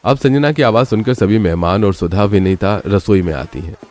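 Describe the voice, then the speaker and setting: A man narrating a family story in a steady, descriptive manner. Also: fairly low pitch, normal speed.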